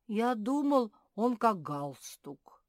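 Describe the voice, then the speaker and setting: A woman's voice: fairly high pitch, very animated, slow pace, dry recording, clean studio sound, pitched above the performer's own voice. A woman voicing a naive, innocent little bear cub in a storybook reading, with a puzzled, eager manner.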